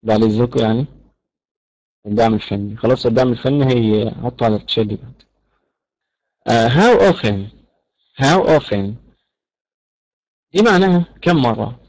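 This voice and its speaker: A man's voice: mid-range voice, fast talker, long pauses, darkish tone, no echo, poor audio. A man with an Egyptian Arabic accent giving an online English lecture, repeating example questions aloud in English. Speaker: English teacher.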